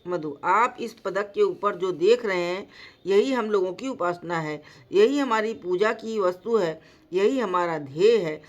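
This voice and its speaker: A woman voicing a calm, firm male ascetic teacher in a slowly read devotional story. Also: mid-range voice, highs cut off, natural voice. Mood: patient. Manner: slow, measured reading voice.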